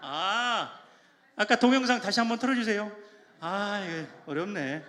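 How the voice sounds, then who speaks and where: Church elder guy hyping up a crowd, super animated, joking around, big reverby sanctuary. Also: sits high, unhurried. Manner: energetic, joking, shouts call-and-response chants. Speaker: church elder leading an evangelism rally. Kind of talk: lively rally talk to a congregation. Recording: echoey church hall.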